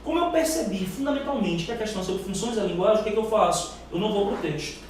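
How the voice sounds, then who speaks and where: A man's voice: high-pitched, quick pace, darkish tone. A male teacher with a Brazilian Portuguese accent running a live exam-prep class, quizzing the room in an emphatic, slangy way. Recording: echoey room, far mic, faint noise.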